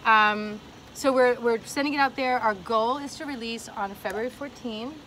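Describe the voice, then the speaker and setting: A woman's voice: on the high side, normal speed, fairly bright tone, slight background noise, rough recording. A woman hosting a casual chat show, enthusiastic and chatty, often restarting her sentences. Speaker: host and show creator. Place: hot tub.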